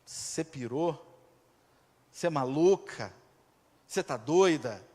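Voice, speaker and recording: A man preaching, voicing a furious old king who scolds his daughter in a loud, rising voice, in a reverberant church hall. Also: on the high side, animated, slow. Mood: outraged. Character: furious old king, stern male ruler.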